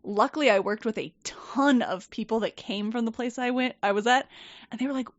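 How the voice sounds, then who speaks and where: A woman's voice: on the high side, brisk, no room sound, highs cut off. A woman hosting a podcast, telling work stories in casual chat and acting out the voices of others, her voice a little worn. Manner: animated storyteller, acts out voices of others. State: losing her voice. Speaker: podcast host.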